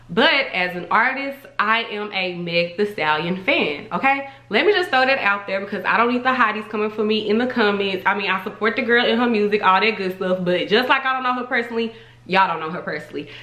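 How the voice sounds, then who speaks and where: A woman's voice: mid-range voice, sharp tone, reverberant. Chatty young woman vlogger. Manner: chatty, emphatic, repeats for stress. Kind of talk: casual opinion vlog.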